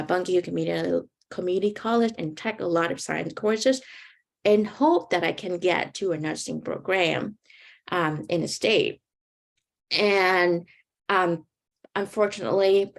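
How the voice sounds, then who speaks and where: A woman's voice: fairly low pitch, creaky. A young woman with a Vietnamese accent, answering as a panelist with earnest storytelling and frequent ums.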